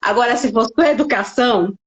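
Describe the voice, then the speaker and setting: A woman's voice: fairly high pitch, fairly quick. A middle-aged Brazilian woman who speaks Portuguese and tells stories in a podcast conversation, acting out the dialogue she quotes. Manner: expressive storyteller, acts out quoted dialogue. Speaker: podcast guest, life coach. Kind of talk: casual conversation.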